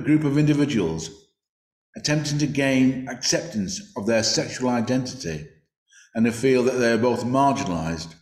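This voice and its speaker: A man's voice: mid-range voice, darkish tone. Man from preaching in an echoey room. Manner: reflective, conversational, with small restarts. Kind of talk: sermon. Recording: roomy echo.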